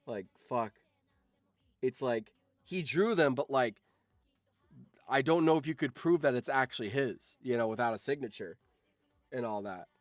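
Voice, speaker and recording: A streamer and voice actor with a mid-range voice chats casually on a livestream at normal speed, pausing often. He rambles through anecdotes with a fan's enthusiasm and swears freely, recorded close to the mic with a dry sound and no room echo.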